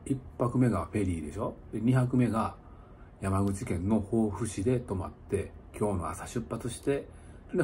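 A man's voice: lowish voice, darkish tone. A middle-aged man with a Kansai accent, slightly tipsy, chatting in a rambling, casual way to viewers like a livestreamer. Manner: rambling, chuckling, conversational asides. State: slightly tipsy after an hour of drinking. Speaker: motorcycle touring vlogger. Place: small indoor lodging room. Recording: noticeable background room noise.

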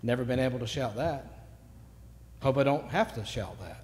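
A man preaching a sermon, telling stories and moving between quiet asides and sudden loud bursts. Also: medium pitch, moderate pace, slight background noise. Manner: storytelling, swings from quiet to shouting. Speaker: pastor. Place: church sanctuary. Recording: long church reverb.

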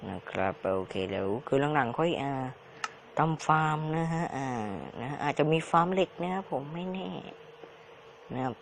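A man's voice: fairly high pitch, big pitch swings, moderate pace, a little hiss or hum. Polite chatty man playing a game. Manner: chatty, polite, makes digging sound effects with his mouth. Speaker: Let's Play gamer. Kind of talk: casual game commentary.

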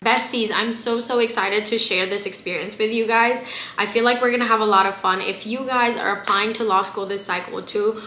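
Her mid-range voice stays fairly even in intonation, brisk, bright and forceful, with some background noise. She's a slangy vlogger in her twenties talking casually and emphatically to camera, an American-accented non-native English speaker who came from the Philippines and lives in South Florida. The small bare room she's in gives an echoey sound.

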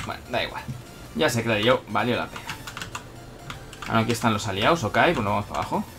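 Young guy from spain yelling and taunting over his game, bouncy up and down voice, electronic music playing behind. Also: lowish voice, quick pace. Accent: Spain Spanish. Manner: excitable, bursts into shouts and playful taunts at opponents. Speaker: gaming commentator. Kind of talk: live gameplay commentary. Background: electronic background music.

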